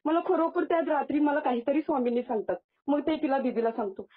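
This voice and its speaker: A young adult woman, a guest, tells a personal devotional experience in casual speech, halting often with false starts and restarts. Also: high voice. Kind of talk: casual spoken testimony. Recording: tinny phone-line sound.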